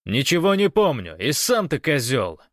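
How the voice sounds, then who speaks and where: A man voicing a brash young man who has lost his memory, talking loudly and cheekily. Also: fairly low pitch, animated, normal speed, no room sound, studio quality, lightly acted. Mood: defiant. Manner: loud, cheeky, defiant. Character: brash young man with amnesia, cocky and joking.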